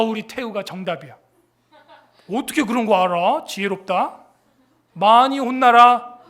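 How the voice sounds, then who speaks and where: A man in his forties preaching a sermon in a church sanctuary, in a chatty, joking way that swings from muttering to loud exclamations. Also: high voice. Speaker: pastor.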